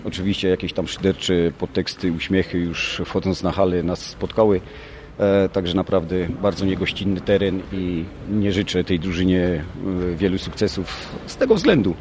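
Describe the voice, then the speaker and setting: Indignant low-voiced coach. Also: male voice, moderate pace, darkish tone, a little hiss or hum. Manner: indignant, sarcastic, complaining. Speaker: sports coach. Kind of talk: post-match interview.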